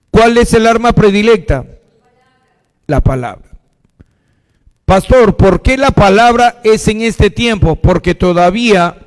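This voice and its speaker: A man's voice: sits high, long reverb tail, rough recording. A man preaching a sermon as a pastor, posing questions to his congregation and answering them himself. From Peru.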